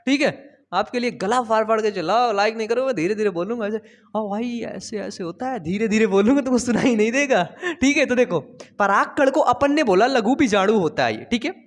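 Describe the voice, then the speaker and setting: An extremely high-pitched young man speaks animatedly and fairly quickly in a Hindi classroom-style biology lesson. He coaxes his students chattily, repeating key terms and asking them questions.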